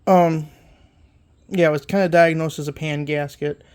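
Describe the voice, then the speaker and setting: Stuffed up from a lingering cold, a repair channel host casually walks through fixing a mower engine in a workshop. His medium-pitched voice is darkish and clean, with fairly even intonation and a moderate pace. He rambles, corrects himself, and uses plenty of fillers.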